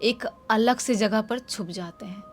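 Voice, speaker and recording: A woman's voice: mid-range voice, a little slow, soft background music. A woman narrating a horror story in a casual way and acting out the dialogue of the people in it.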